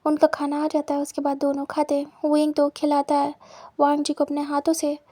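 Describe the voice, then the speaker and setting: A woman narrating a fanfiction story in an even, monotone reading manner. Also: high-pitched, moderate pace.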